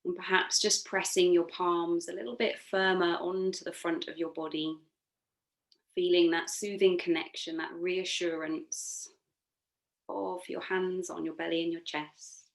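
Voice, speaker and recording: A fairly low, gravelly female voice leads this guided relaxation meditation. The yoga instructor goes a little slow with a flat delivery, keeping things soothing, unforced and gently encouraging.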